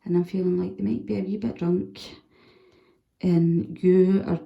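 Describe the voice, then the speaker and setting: A woman giving a casual, chatty tarot reading, animated and swearing freely. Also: on the low side, a little slow, gravelly, roomy sound, highs cut off. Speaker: tarot reader.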